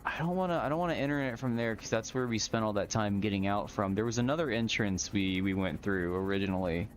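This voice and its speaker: A man's voice: lowish voice, quick pace, slight background noise. A man giving casual, chatty gameplay commentary, explaining things in colloquial language as he plays. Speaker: gamer hosting a modded survival game stream.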